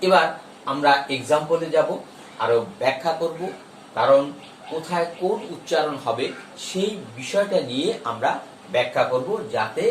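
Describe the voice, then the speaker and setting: Male grammar teacher, slightly high voice, emphatic and slow on examples; echoey room, set back from the mic. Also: distant mic, slight background noise. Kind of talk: explaining a grammar lesson.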